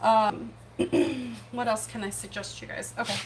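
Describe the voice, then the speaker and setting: A woman with a higher, steady voice takes her time while heavy background noise fills the clip. Hosting a casual cooking stream in her kitchen, she rambles and chats, poking fun at herself.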